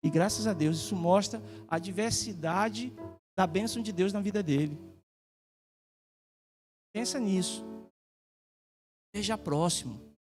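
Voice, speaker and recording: A middle-aged man with a Brazilian Portuguese accent preaching in a church, joking and chatty, with lively quoted asides. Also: sits high, unhurried, pauses often, over music. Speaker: guest pastor. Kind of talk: sermon. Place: church sanctuary.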